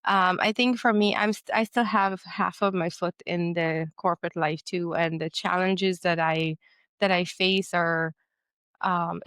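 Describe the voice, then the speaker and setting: A podcast host from Guyana, a woman who speaks in a reflective, searching way, full of fillers and restarts. Her voice sits on the low side and sounds smooth and resonant, recorded dry and close. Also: a bit bright, dry recording. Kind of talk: conversational interview.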